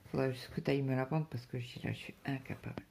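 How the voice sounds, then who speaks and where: A woman's voice: extremely low pitch, fast, gravelly, a little hiss or hum. A middle-aged woman telling a chatty story about her day, acting out bits of talk and dropping to a whisper at times. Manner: chatty, quotes her husband in lively bits, drops to whispers. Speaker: crafting vlogger. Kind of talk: casual chat, storytelling.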